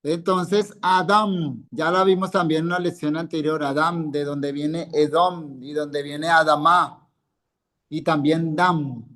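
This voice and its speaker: A man's voice: fairly high pitch, fairly even intonation, slow pace, fairly bright tone. A male Hebrew teacher, giving a live classroom lesson and patiently quizzing students by name, repeating each word. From Colombia.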